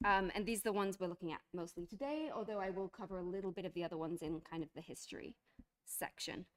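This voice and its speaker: A woman's voice: on the low side, fast. A woman giving a university lecture, explaining step by step with frequent fillers and restarts.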